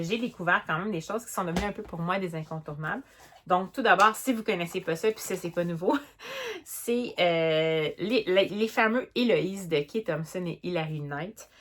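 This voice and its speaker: Young Québécois woman, book vlogger, chatty and animated, a little low-pitched. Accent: Québécois French. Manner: chatty, animated, many fillers and restarts. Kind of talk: casual book review vlog.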